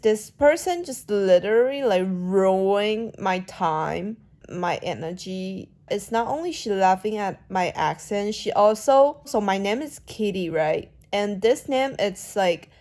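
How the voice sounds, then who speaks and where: A young woman with a Chinese accent and a soft, sleepy way of talking, vlogging late at night. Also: mid-range voice. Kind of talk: casual late-night vlog.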